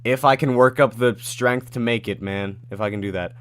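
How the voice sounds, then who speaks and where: A man casually answering his viewers' questions at home during a livestream, reading them out and rambling through quick asides. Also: mid-range voice, clear, resonant tone.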